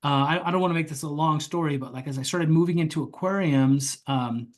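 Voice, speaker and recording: A man telling a story as the guest in a podcast interview. His delivery is casual and animated, he acts out the voices in his story and swears freely. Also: on the high side, brisk. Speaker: guest, pond construction company founder.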